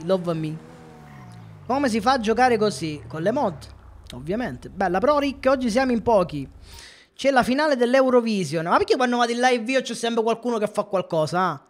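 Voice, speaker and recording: Here the voice is high, with a little hiss or hum underneath. The speaker, a Sicilian-accented gaming streamer from Catania, jokes around and chats with viewers during live play of a police game.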